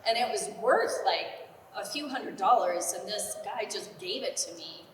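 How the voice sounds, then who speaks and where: A woman voice actor on a convention panel, chatty and animated, telling stories with many fillers. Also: mid-range voice, a little slow, far from the mic. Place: large convention hall. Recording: echoey hall audio from afar, faint noise.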